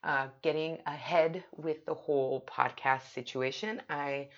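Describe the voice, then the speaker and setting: A woman's voice: sits low, steady tone, measured pace. A woman hosting a casual solo podcast from her home bathroom, chatting informally and with self-deprecation. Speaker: podcast host. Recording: dull lo-fi, home bathroom sound.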